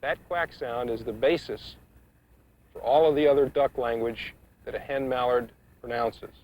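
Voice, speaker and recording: A man giving an instructional demonstration, explaining each step in a measured, practical way. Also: medium pitch, steady tone, darkish tone. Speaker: duck calling instructor. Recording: muffled, dull 1990s instructional video sound.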